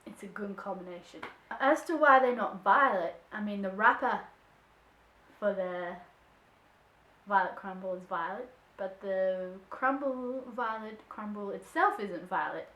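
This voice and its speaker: A woman's voice: medium pitch, measured pace, highs cut off. Chatty Australian woman in an echoey room. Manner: chatty and expressive, acts out quoted voices. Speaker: vlogger answering viewer questions. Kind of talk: casual chat to camera.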